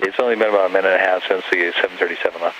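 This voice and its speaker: A man's voice: low-pitched, steady tone, racing, muffled recording. A man working as an air traffic controller, giving clipped, matter-of-fact instructions by radio, heard over a pilot headset. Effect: aviation radio.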